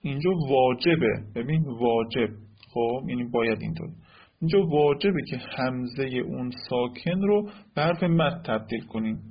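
Gravelly-voiced man teaching grammar. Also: medium pitch, lively intonation, highs cut off. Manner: explains step by step, asks "right?" often. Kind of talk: Arabic grammar lesson.

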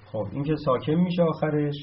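A man's voice: a little high, slight background noise. A man teaching a grammar lesson, explaining step by step and chanting verb forms in a row. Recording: dull lo-fi sound.

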